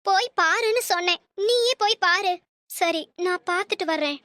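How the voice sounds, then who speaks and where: A woman's voice: very high voice, moderate pace, pushed and bright, no echo. Woman voicing a nosy cartoon sister-in-law. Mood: arguing. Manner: nosy, argumentative. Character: gossiping middle-aged sister-in-law. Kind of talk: cartoon voice acting.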